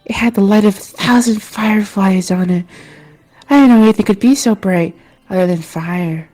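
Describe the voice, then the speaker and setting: Woman doing a small girl, high pitch, chatty, naive wonder, tabletop game, soft music underneath. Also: normal speed, natural voice. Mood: awed. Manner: hesitant, childlike wonder.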